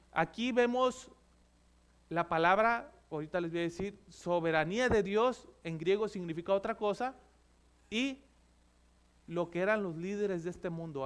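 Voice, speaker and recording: High-voiced pastor preaching. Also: male voice, clean tone. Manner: explains word meanings to the congregation, addressing them as brothers. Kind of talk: sermon.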